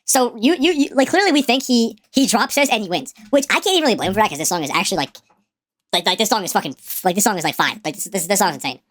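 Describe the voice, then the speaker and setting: A woman's voice: mid-range voice, expressive, fast talker. A woman giving casual reaction commentary on songs, slangy and profane, often repeating words as she stumbles. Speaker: music reaction streamer. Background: faint song playing.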